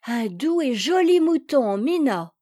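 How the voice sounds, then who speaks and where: A woman's voice: sits high, moderate pace, dark tone, no room sound, clean studio sound, close to an everyday voice. A woman reader voicing a kind, chattering little rich girl in a storybook. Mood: pleading.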